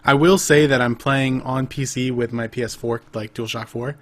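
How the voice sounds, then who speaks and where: Medium-pitched and a bit bright, this man speaks at a normal pace with fairly even intonation. He's co-hosting a podcast over a remote call, chatting casually about games and rambling with plenty of fillers and restarts.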